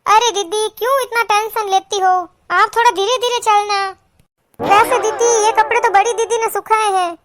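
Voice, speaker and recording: A woman's voice: very high-pitched, fairly even intonation, normal speed, fairly bright tone, no echo, studio quality. A woman voicing an anxious young new mother who pleads for help in a family cartoon. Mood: soothing. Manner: pleading, soothing. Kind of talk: cartoon voice acting.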